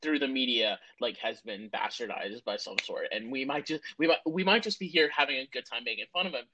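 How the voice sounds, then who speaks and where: A man co-hosting a casual podcast, animated, repeating his words at restarts and swearing casually. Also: medium pitch, a little fast, background noise. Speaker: podcast co-host. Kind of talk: casual chat.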